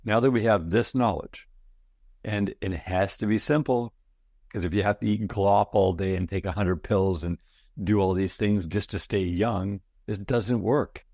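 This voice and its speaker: A man's voice: on the low side, a little slow, vocal fry, darkish tone, no room sound, clean studio sound. A man in his sixties, a guest talking casually and enthusiastically in an interview, telling stories and often repeating words. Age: 60s. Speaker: guest, product founder.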